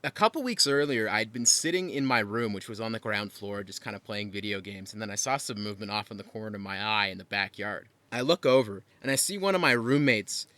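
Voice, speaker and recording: A man's voice: on the low side, expressive, fairly quick, hardly any pauses, pushed and bright, no room sound. A young man co-hosting a podcast, animatedly retelling a party story with lots of laughs. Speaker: podcast co-host. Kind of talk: casual storytelling.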